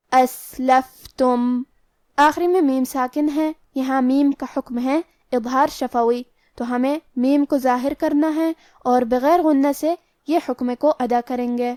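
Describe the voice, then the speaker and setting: Woman recitation teacher with a high, dry voice, patient and explanatory, stretches out each word when she demonstrates it. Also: a little mellow, no room sound. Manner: slow, careful recitation of Arabic words between explanations. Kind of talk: tajweed lesson explaining pronunciation rules.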